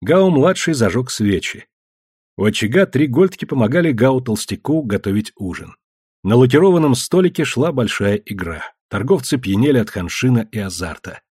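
A male narrator reads an audiobook at a moderate pace, dramatic and expressive, his husky voice ranging widely in pitch. The recording is close and dry, with no room sound.

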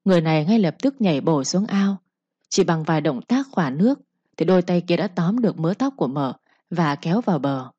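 Low, husky woman narrator. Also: expressive, a little fast, mellow, no echo. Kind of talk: scripted storybook narration. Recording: dull, lo-fi, dry.

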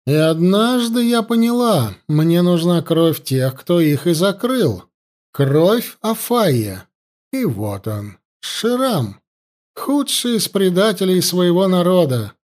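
Cruel high priestess, read by a man: high, lively, harsh and imperious. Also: slow pace, full character voice. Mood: gloating. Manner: commanding, sneering, harsh. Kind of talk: audiobook character voice.

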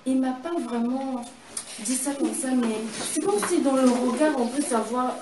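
A woman's voice: high-pitched, normal speed, a loud crowd. A woman giving a personal testimony in conversation, telling her story vividly and acting out what happened. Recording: echoey and distant with noise.

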